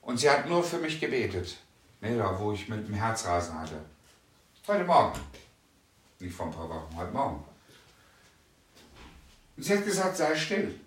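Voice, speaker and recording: A man preaching a sermon with emphasis, repeating key phrases slowly and forcefully. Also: lowish voice, very animated. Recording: echoey room, mic at a distance.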